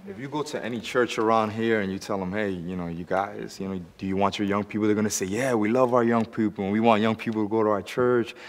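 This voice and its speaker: A man's voice: fairly low pitch, fairly even intonation, fast talker, hardly any pauses. A man in a focus group making a wry point with mocking quotes. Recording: hall reverb.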